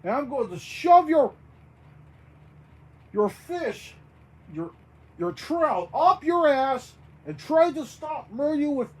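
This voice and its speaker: An amateur storyteller voicing Bert, a furious foul-mouthed man who shouts threats and stumbles over his words. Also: high voice, lively intonation, takes it slowly, pauses often, rough recording.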